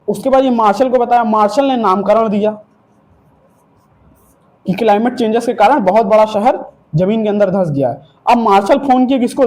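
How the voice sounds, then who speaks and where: A man's voice: sits high, darkish tone. A male teacher giving an exam-prep history lesson, telling it as a story and asking and answering his own questions.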